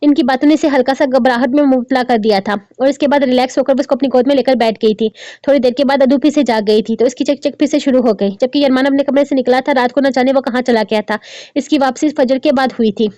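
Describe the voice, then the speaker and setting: Woman narrator, high voice, mellow tone, soft storytelling. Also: steady tone, fast talker, dry recording. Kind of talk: novel reading with voiced dialogue.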